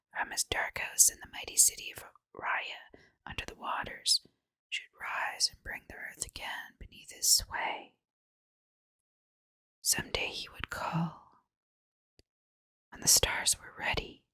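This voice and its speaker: A woman reading a horror story for ASMR in a hushed, breathy, unvoiced whisper, with deliberate, measured phrasing. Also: no echo. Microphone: close mic, dry.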